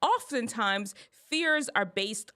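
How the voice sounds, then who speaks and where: Woman host, casual storyteller with a lively, up-and-down voice, gives teens advice. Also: fairly high pitch, takes it slowly, clear, resonant tone. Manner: animated, expressive storytelling.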